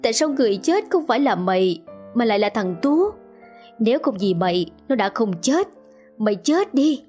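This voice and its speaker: A woman's voice: on the high side, lively intonation, normal speed, a little mellow, faint music behind, close to an everyday voice. A woman voicing a grieving, furious mother who screams curses at her daughter. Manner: shrieking, cursing, sobbing.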